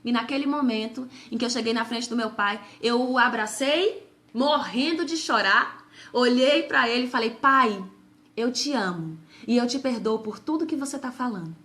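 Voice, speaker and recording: High-voiced woman preaching fervently. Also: moderate pace, pushed and bright. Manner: fervent, addresses viewers by name. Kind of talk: live-streamed testimony and preaching.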